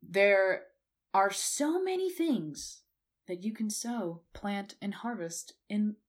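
A woman co-hosting a podcast, talking in a relaxed, rambling way with plenty of fillers. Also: medium pitch, slow. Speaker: podcast co-host. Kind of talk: casual chat.

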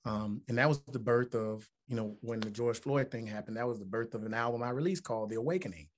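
A man's voice: mid-range voice, quick pace, a little hiss or hum. Musician guest, man, 40s, from Alabama, earnest and reflective, mid-range voice. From Alabama, United States. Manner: earnest, reflective, building to emphatic points. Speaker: musician and motivational speaker. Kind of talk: interview conversation.

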